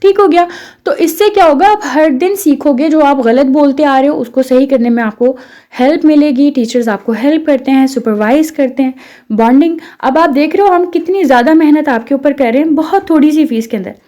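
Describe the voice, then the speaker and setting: A woman's voice: sits high, a little fast, mellow. A woman with a Pakistani accent, an English course instructor explaining how her course works, posing rhetorical questions and slipping English phrases into her talk.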